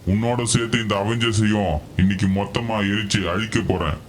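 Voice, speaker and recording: A man voicing a threatening villain bent on conquest in a game role-play, speaking low and subdued. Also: fairly even intonation, brisk, a little hiss or hum, natural voice. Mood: menacing.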